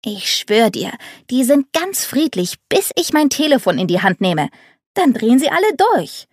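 A woman's voice: a little high, unhurried, no echo, clean studio sound, pitched above the performer's own voice. A woman voicing Paula, a whiny dramatic teenage girl. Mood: whining. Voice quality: whiny, excited.

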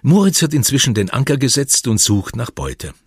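Lively husky male storyteller. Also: medium pitch, moderate pace, no room sound. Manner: lively expressive reading. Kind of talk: children's story reading.

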